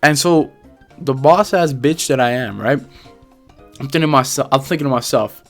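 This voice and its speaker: A young man casually telling a personal story to camera, animated and full of slang, often laughing as he goes. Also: medium pitch, normal speed, soft background music. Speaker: vlogger.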